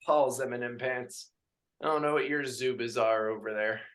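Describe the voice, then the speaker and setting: A man's voice: mid-range voice, normal speed, a bit bright. A man coaching a group workout class, counting out reps and chatting and joking with the class between exercises. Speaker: fitness coach.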